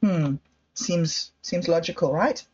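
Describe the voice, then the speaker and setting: Speaking slowly in a fairly low, mellow, husky voice, a livestream host rambles about her projects with hesitance and self-doubt. It's a casual monologue captured in somewhat dull, lo-fi sound.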